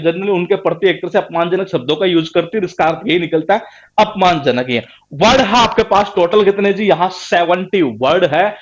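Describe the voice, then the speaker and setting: A man teaching vocabulary in an online class, who asks rhetorical questions and keeps tagging lines with a filler word. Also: high-pitched. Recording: dull lo-fi sound.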